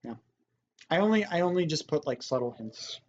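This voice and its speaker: An excitable man doing casual game commentary with very lively, swinging intonation. The sound is slightly dull with faint background noise. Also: a little high, normal speed. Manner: excitable, says dude often. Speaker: gamer commentating on a party board game. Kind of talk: casual let's play chat.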